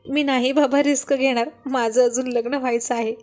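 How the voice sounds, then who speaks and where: A woman with a high-pitched, darkish voice close to her everyday one voices a teasing young husband. She speaks at a normal pace with fairly even intonation.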